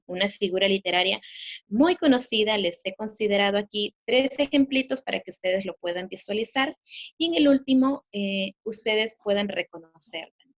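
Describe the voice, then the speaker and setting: A woman's voice: mid-range voice, highs cut off. A woman teacher giving a recorded literature lesson, explaining patiently and checking in with her students through rhetorical questions.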